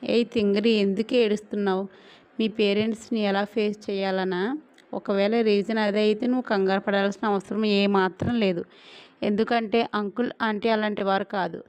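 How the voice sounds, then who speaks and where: A woman reading a story aloud, voicing a calm young husband who comforts his wife. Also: mid-range voice, moderate pace, smooth, lightly acted. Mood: reassuring. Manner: soothing, reassuring.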